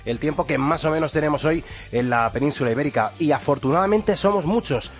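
A man's voice: a little high, lively intonation, fast, faint music behind. A man with a Castilian Spanish accent presenting morning radio in an upbeat style, his voice congested, hollow and duck-like from a cold. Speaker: radio morning show host.

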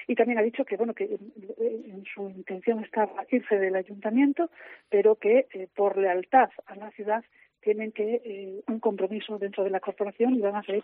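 Woman reporter on a tinny phone line, low hurried voice, fillers and restarts, dry sound. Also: no echo. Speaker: field reporter. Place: city hall during a press conference.

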